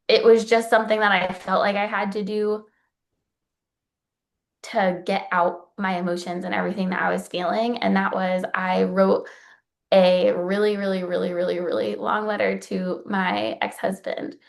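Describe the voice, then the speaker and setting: A woman's voice: medium pitch, flat delivery, moderate pace, gravelly. A young adult woman talking earnestly and openly about forgiveness, sometimes getting emotional as she shares her own experience. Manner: earnest, open, gets emotional at times. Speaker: guest speaker on forgiveness. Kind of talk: personal talk.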